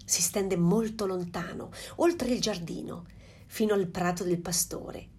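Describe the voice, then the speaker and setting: A woman voicing a proud, fussy mother duck in a storybook reading, with a slightly husky voice. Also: mid-range voice, a little slow, a little mellow.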